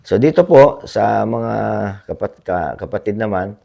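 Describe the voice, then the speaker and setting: A man vlogging in a casual, rambling chat to his viewers, hoarse from a cough, politely tagging his sentences with little questions. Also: fairly low pitch, lively intonation, a little slow, mellow. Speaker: blogger reading viewer comments. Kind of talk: casual livestream-style chat.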